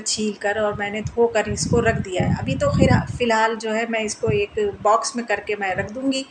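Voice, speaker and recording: A woman in her thirties talks through her household routine as a vlog voice-over, chatty and quick to laugh at herself. Her voice sits a little high. A steady noisy hiss runs under the recording. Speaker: vlogger, mother. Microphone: voice-over mic.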